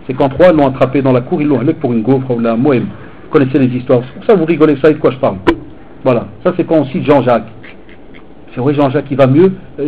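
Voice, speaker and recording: A man, a teacher and preacher, giving an animated, informal sermon to teenagers and mixing street talk with religious phrases. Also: mid-range voice, narrow, tinny audio, a little hiss or hum. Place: hall in Belgium.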